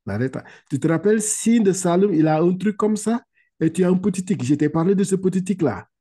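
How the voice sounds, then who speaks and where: A man's voice: high voice, lively intonation, mellow. A man teaching Quran reading over a video call, explaining patiently step by step and checking in with frequent "ok?". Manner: slow, drawn-out recitation of Arabic words for repetition.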